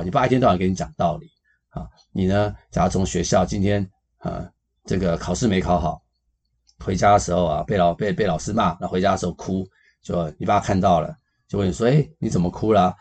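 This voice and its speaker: A man's voice: low-pitched, brisk, breathy edge. A man, hosting a psychology podcast and explaining with everyday examples. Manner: animated, gives everyday examples, many fillers.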